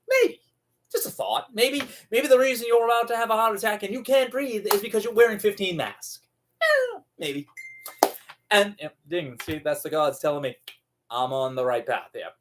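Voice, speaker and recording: A man hosting a tarot video, delivering a dramatic, sarcastic monologue that swings between loud declarations and hushed asides. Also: high voice, lively intonation, normal speed, a little hiss or hum. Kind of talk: theatrical monologue to camera.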